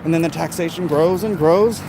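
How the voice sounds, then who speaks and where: Brisk and fairly high-pitched, this American man is a live-stream vlogger reading viewer comments and responding to them. He talks unscripted from his backyard, casual, opinionated and emphatic, as if chatting with his audience. Noisy urban ambience and traffic sounds surround the recording.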